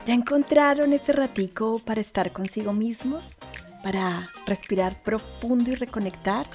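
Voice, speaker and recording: A woman's voice: on the high side, normal speed, darkish tone. Woman podcast host, emphatic and dramatic monologue delivery, faint music bed. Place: abroad in the United Kingdom.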